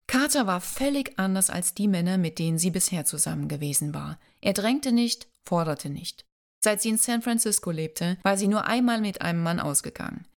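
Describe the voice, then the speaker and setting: A woman narrating a romance novel in a calm, even storytelling manner. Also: on the low side. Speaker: audiobook narrator. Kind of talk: scripted narration.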